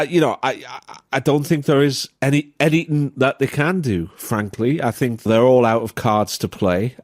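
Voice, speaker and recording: Guy cohosting a politics podcast, low voice, dry close sound, wry and rambly. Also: no room sound. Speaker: podcast co-host. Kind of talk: casual political chat.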